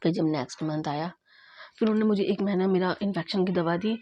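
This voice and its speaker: A woman vlogger casually recounting her own experience, acting out both sides of the conversations in a lively way. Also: lowish voice, fast, dry recording, highs cut off. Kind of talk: casual storytelling vlog.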